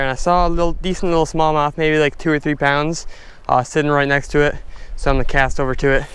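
A young man casually narrating his fishing from a stand-up paddleboard on a lake, chatty and excitable, talking to his viewers. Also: on the high side, smooth. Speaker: fishing vlogger. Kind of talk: casual outdoor commentary. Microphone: head-mounted action camera.

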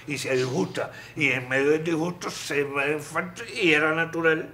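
A man's voice: fairly high pitch, normal speed, sharp tone, echoey room, a little hiss or hum. A man playing a streetwise fixer who talks persuasively, spinning stories with sound effects. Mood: scheming.

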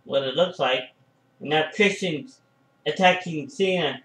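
Casual male fan commentator, slow and halting, excitable bursts, slightly high voice, echoey room. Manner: excitable, frequent "oh" and "uh" fillers. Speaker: fan commentating a wrestling match.

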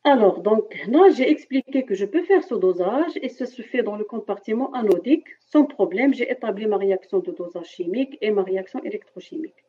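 A woman's voice: mid-range voice, lively intonation, fairly quick, hardly any pauses, mellow, husky. A woman teacher with a Moroccan French accent, lecturing a chemistry class over a video call and explaining step by step while often checking that students follow. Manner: explains step by step and keeps asking "d'accord?". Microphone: computer mic on a video call. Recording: dull lo-fi video-call audio.

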